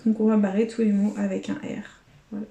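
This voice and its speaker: A woman's voice: mid-range voice, flat delivery, brisk, warm tone. Chatty woman in an echoey room. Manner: chatty, addresses viewers as friends. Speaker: YouTuber scratching lottery tickets. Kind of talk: casual running commentary.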